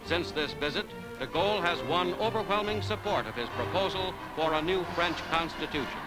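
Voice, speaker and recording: A man's voice: fairly high pitch, moderate pace, poor audio. A man narrating in the dramatic, formal, emphatic style of a 1940s newsreel. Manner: formal, emphatic announcer phrasing. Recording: vintage newsreel soundtrack with music behind.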